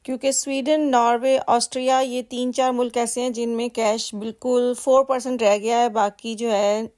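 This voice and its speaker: A woman's voice: a little high, flat delivery, normal speed, darkish tone, no echo, rough recording. Chatty woman vlogging on a walk. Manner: chatty, breathing hard while walking uphill. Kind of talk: casual vlog while walking. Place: outdoors in a German village. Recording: faint outdoor background noise.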